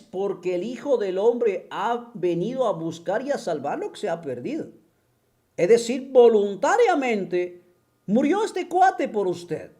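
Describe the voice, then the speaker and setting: Slow, scornful voice. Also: mid-range voice, dark tone. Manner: scornful, asks taunting rhetorical questions, repeats them, chuckles. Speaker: online religion critic. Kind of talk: mocking monologue.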